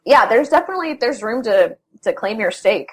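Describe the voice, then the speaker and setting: A woman's voice: a little high, very animated, brisk. Chatty young woman full of fillers. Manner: chatty, many fillers and restarts. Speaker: interview guest, freelance writer. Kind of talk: casual conversational interview.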